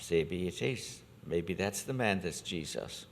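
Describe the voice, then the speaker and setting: A man with a very low voice speaks as a priest from the altar. His delivery is measured and solemn, as in a liturgical reading or homily. Long cathedral reverb trails each phrase. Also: lively intonation, vocal fry, slight background noise. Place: large reverberant church during Mass.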